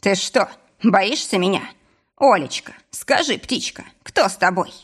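A woman reading a menacing male boss who threatens in a husky voice, mock-sweet at times. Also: medium pitch, expressive, a little slow. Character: menacing middle-aged male boss, villain.

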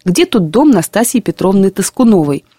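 A woman voicing a calm, polite middle-aged man asking his way, in a storybook reading. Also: mid-range voice, normal speed, breathy edge, no echo.

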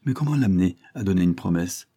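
A man voicing a frightened young man on the run, talking in an agitated, pleading, high-strung way. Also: animated, fast talker, dark tone, slightly rough. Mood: anxious.

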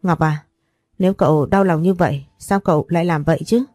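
A woman voicing a brash young man who talks quickly and teases an older rival. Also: on the low side, dark tone, no echo, faint music behind, natural voice. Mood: gentle.

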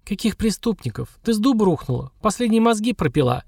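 A man's voice: sits high, very animated, fast talker, vocal fry, darkish tone, dry recording, clean studio sound, voice pushed up, heavily acted. A man voicing a stern old woman healer and witch who scolds brusquely. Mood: stern scolding.

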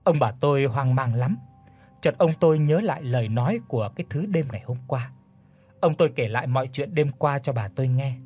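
A man narrates a ghost story for an audiobook. His husky, breathy voice sits at an ordinary middle pitch. He tells it at a steady storytelling pace.

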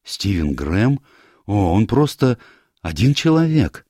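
A man's voice: on the low side, very animated, takes it slowly, darkish tone, no room sound, clean studio sound, voice pushed up, heavily acted. A man doing a frightened young woman. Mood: frightened urgent. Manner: urgent, pleading. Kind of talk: audiobook character voice.

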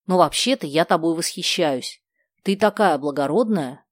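An excitable, impulsive schoolgirl, put on by a woman narrator in an audiobook. She bursts out high and loud, and the recording is dry. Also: normal speed, no echo. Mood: excited. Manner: excited, exclamatory.

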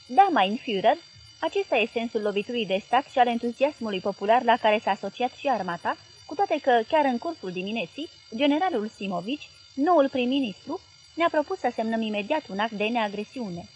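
Audiobook: deferential male aide, unhurried and composed, read by a woman. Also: fairly high pitch, animated, a little mellow, lightly acted, rough recording. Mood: calm.

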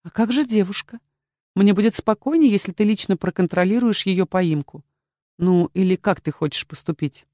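A woman voicing a male castle guard chief who speaks quietly and confidently, with a cold edge. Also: mid-range voice, normal speed, no echo, clean studio sound, natural voice. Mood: concerned. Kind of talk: audiobook character voice.

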